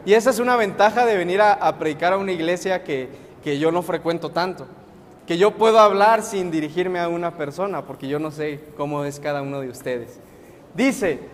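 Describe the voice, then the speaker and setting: High-voiced young preacher, echoey church. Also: male voice. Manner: asks the congregation questions and answers them himself. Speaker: guest preacher. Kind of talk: sermon. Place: church sanctuary. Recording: echoey hall with long reverb.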